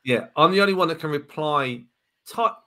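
A man hosting a live church chat show, talking loosely with plenty of fillers and laughs. His voice sits a touch high and sounds crisp and bright. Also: lively intonation, moderate pace. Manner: chatty and upbeat, laughs easily, fillers. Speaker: podcast co-host. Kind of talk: casual live-stream chat.

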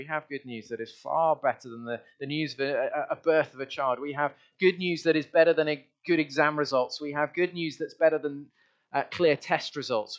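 A man's voice: on the high side, a bit bright, dull audio. A man preaching a conversational, earnest sermon to his church. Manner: earnest, conversational, with many restarts. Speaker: pastor.

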